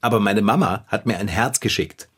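A man playing a cheerful, vain young bike mechanic in a children's series, chatty, easily hurt and quick to protest. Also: lowish voice, fairly bright tone, husky. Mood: puzzled. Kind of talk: children's TV acting.

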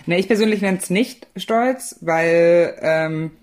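Low-voiced young woman author, halting. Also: a little mellow. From eastern Germany. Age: young adult. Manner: hesitant, many fillers and restarts. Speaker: author guest. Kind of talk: conversational podcast interview.

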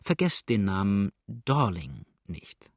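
A man reading an audiobook voices a gruff, grumbling older frontier rider with a curt manner. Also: fairly low pitch, sing-song, takes it slowly, no echo, clean studio sound, exaggerated voice. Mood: sly.

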